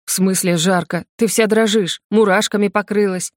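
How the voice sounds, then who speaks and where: Brief: teasing, growly young policeman as a woman reads him, husky edge, dry close sound. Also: mid-range voice, fairly even intonation, moderate pace, no echo, close to an everyday voice. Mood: worried. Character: gruff young male police officer, teasing. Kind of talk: audiobook character voice.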